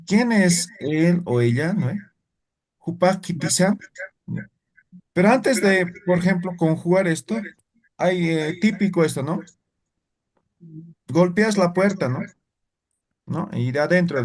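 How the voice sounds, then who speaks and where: A man's voice: fairly high pitch, animated, measured pace, pauses often, darkish tone. A man teaching a language class, explaining patiently step by step and checking in with short tag questions. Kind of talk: classroom lesson.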